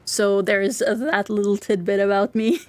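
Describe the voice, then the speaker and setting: Her voice is mid-range, captured dry on a close mic with no room sound and quiet game music playing. She's a young native German speaker from Austria with an Austrian German accent, chatting casually and giggly on a game stream, often halting and restarting.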